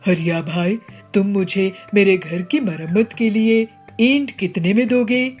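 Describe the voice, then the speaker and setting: Woman doing a calm male bird mason. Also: medium pitch, unhurried, faint music behind, close to an everyday voice. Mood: reassuring. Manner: reassuring, steady.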